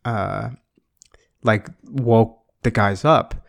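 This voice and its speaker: A man with a fairly low, gravelly voice and drawn-out words co-hosts a podcast in casual chat. He rambles and muses aloud, restarting often and saying "like" constantly.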